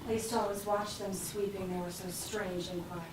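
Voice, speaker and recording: A woman's voice: mid-range voice, flat delivery, fairly quick, close to an everyday voice. Woman as idealistic young visitor, earnest and caring; noisy, roomy recording. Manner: earnest, emotional. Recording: echoey room from far off with noise.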